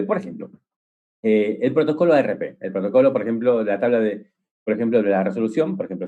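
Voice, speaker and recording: Guy giving a cybersecurity talk, warm mellow voice, lots of restarts and "eh"s, clearly loves the stuff. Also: fairly low pitch, muffled recording. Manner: rambling with frequent restarts and fillers; enthusiastic, explains with vivid everyday examples. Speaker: conference speaker on cybersecurity. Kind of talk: technical conference talk.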